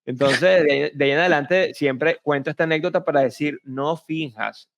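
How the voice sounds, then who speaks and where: A man's voice: on the high side, a little fast. A man with a Venezuelan accent, a communication coach telling anecdotes in a conversational interview, acting out voices as he goes. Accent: Venezuelan Spanish. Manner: animated storyteller, acts out quoted voices. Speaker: communication and public speaking coach, interview guest.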